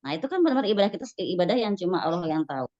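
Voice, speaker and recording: A woman giving a casual religious study talk, lively and acting out quoted voices. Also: fairly low pitch, racing, no echo. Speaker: religious teacher. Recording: dull dry lo-fi recording.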